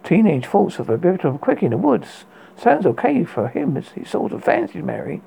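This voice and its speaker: A man in the manner of a horror host, reading a scary story with a halting, stumbling delivery and a husky, gravelly voice. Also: sits high, huge pitch swings, dark tone, poor audio.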